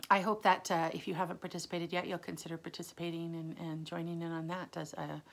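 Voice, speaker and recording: With a fast delivery and vocal fry, this woman talks casually on her knitting podcast, her fairly low voice staying flat in pitch. She rambles with ums and self-corrections, and a lingering chest cough breaks in.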